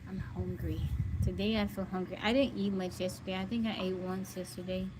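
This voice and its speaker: An American woman hosts a casual livestream, greeting viewers by name and chatting about feeling hungry and jittery. Her mid-range voice holds a steady tone at a brisk pace, and the recording is very noisy.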